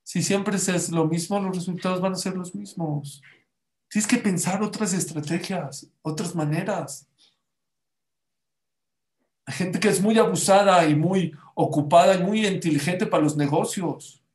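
A man's voice: high voice, a little slow, darkish tone. Male religious speaker, emphatic motivational sermon, slightly raised voice, roomy echo. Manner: emphatic, keeps asking the audience rhetorical questions. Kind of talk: motivational sermon to a live audience. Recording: echoey room.

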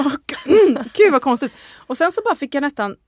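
Animated woman, lively pitch. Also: no echo, studio quality. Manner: animated, chimes in often. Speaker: podcast guest. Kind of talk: casual podcast chat.

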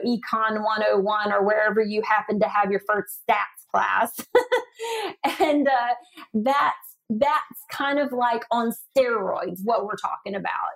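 A woman's voice: medium pitch, rough recording. A woman talks through AI on a podcast in an easy, chatty way. She laughs often and pads her sentences with "you know" and "um". Her voice sits in a middling register. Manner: animated, laughs often, many fillers. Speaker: guest expert on AI. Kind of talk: conversational podcast interview.

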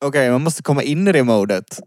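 A man's voice: medium pitch, lively intonation, darkish tone, no room sound, clean studio sound. A man co-hosting a casual rant podcast, hesitant, laughing often and swearing casually. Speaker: podcast co-host.

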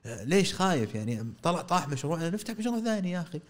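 Saudi dude on a podcast, talks fast, blunt and animated. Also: male voice, on the high side. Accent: Saudi Arabic. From Saudi Arabia. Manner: animated, giving blunt advice. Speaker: entrepreneur guest. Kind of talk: casual podcast chat.

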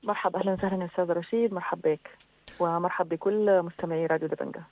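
A woman's voice: lowish voice, fairly even intonation, very fast, a little mellow, no room sound, muffled recording. A woman with a Sudanese accent explaining things informally as an expert interview guest. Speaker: interview guest, development organization director.

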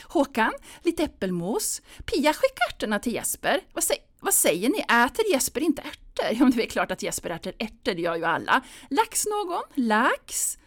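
A woman's voice: fairly high pitch, big pitch swings, hardly any pauses, fairly bright tone, pitched above the performer's own voice. A woman playing a fretful older mother. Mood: fussing. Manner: nervous, plaintive, close to tears. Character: anxious fussy older mother hosting Christmas dinner.

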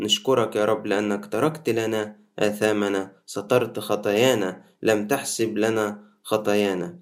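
A man with an Egyptian accent, a Coptic Orthodox priest, giving a sermon in a conversational way that moves between colloquial and formal speech. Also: on the low side. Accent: Egyptian Arabic.

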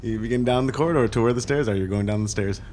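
A man's voice: lowish voice, very fast, darkish tone, slight background noise. A man narrating and refereeing a tabletop role-playing game as game master.

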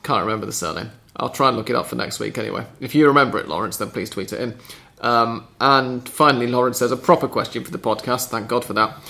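Gravelly, bright-voiced male podcast host. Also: medium pitch, fast talker, few pauses. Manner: reads listener questions, chatty and dry. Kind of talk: casual podcast chat.

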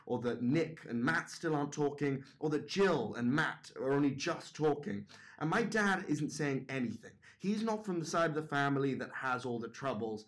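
A man with a wry, building comic rhythm, telling a personal story to a live audience. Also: mid-range voice.

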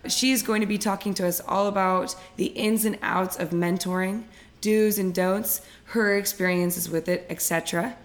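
A woman's voice: mid-range voice, steady tone, moderate pace. A woman in her twenties hosting a podcast interview, making upbeat, scripted introductions and asking questions. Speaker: podcast host.

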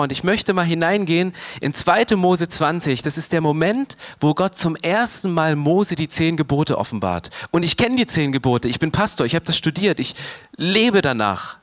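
A man preaching a sermon as pastor, animated, swinging between loud emphatic bursts and quiet low asides. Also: dry recording, studio quality.

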